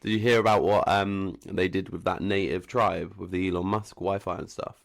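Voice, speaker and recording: A young man from Wiltshire with a southern English accent and a fairly low voice. He co-hosts in loose, casual banter, full of slang and swearing, and keeps things jokey. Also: flat delivery, normal speed, gravelly. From Wiltshire, England. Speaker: podcast co-host.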